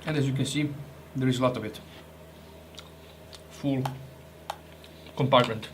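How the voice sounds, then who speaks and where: A young man talks at a middle pitch in a loose, joking way, stumbling and restarting as he reviews food. A faint hiss sits under his voice. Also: unhurried. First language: Croatian. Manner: chatty, joking, restarts and hesitations. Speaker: ration reviewer. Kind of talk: casual food review vlog.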